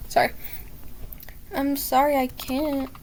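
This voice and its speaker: A woman's voice: high voice, little pitch movement, slow pace, noisy background. A woman voicing a shy, apologetic young maid in a game. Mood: timid. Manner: timid, apologetic.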